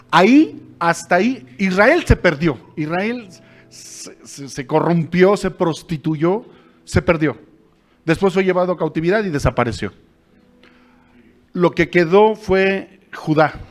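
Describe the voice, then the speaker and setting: A male pastor with a Mexican accent teaching a Bible study in an animated, colloquial way. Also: fairly high pitch. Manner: animated, uses colloquial slang, acts out quotes.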